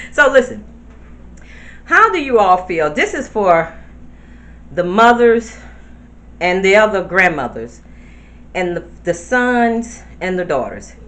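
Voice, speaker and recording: A grandmother vlogger in her fifties chats casually to the camera at home, rambling and addressing her viewers directly. Her voice sits on the low side and sounds pushed and bright.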